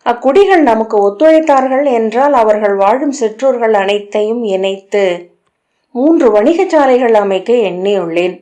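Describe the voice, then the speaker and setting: A woman reading the lines of a proud, calculating queen in an audiobook, in a measured, commanding way. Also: mid-range voice, dark tone, close to an everyday voice.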